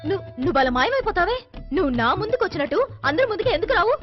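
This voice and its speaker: A woman dubbing a headstrong, excitable young woman in a film, talking emphatically and insistently. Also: very high-pitched, very fast. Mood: defiant. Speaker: dubbing actress. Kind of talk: Telugu film dub. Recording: dull film soundtrack with music.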